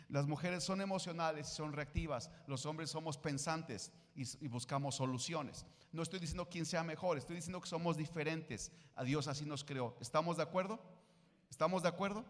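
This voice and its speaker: Man, pastor, sermon, fairly high voice, quizzes the congregation, acts out quoted lines, long church reverb. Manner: asks the congregation questions often; acts out the biblical women's lines. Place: church sanctuary.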